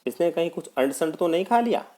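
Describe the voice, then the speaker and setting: A man's voice: fairly high pitch, expressive, fast talker, dark tone, pitched above the performer's own voice, natural voice. A man voicing a fretful, coaxing mother. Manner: coaxing, anxious and tender. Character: worried Indian mother fussing over her sick young son.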